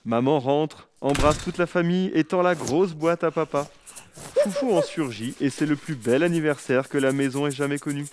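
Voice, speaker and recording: A man narrating a children's story with an expressive, lively reading. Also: fairly high pitch, moderate pace, background noise.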